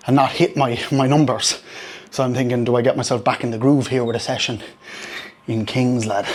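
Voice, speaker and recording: A man talking casually to his vlog camera while riding an exercise bike, slightly out of breath, energetic and swearing freely. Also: medium pitch. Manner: energetic, swearing, calls viewers lad. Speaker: fitness vlogger. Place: home gym, indoors.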